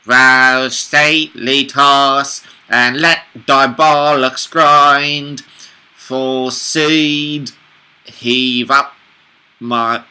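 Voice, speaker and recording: Man as a shrill, declaiming bawdy court lady, stumbling cold read. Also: huge pitch swings, bright, forceful tone, full character voice. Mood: grand, bawdy. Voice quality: drawn-out, theatrical delivery. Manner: declamatory, lewdly grandiose. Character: haughty, bawdy court ladies of a Restoration farce. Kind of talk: stumbling cold read of verse play, in character.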